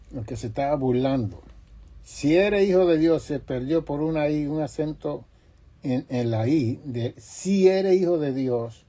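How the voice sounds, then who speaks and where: Slow, husky-voiced man preaching a sermon. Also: medium pitch. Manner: slow, emphatic preaching with long pauses and rising, forceful quotes. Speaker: pastor.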